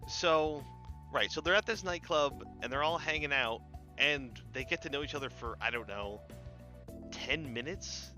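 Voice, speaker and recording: A man's voice: a little high, normal speed, over music. A man hosting a comedy movie podcast, recapping the plot in a rambling, sarcastic way and swearing often. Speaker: host.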